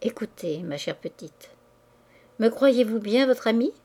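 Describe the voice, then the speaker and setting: A woman reading the part of an ambitious young man who speaks softly and coaxingly, with a cool edge. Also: medium pitch, moderate pace, natural voice. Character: smooth-talking ambitious young man, cold.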